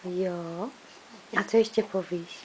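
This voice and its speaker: A woman's voice: on the low side, steady tone, noisy background. A woman talking baby talk to an infant, coaxing him with sing-song questions.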